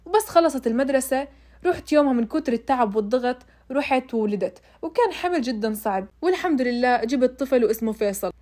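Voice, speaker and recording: Here a young woman recounts her own experience to listeners in an emotional, informal first-person way. She speaks fast and expressively, her high-pitched voice carrying a darkish tone.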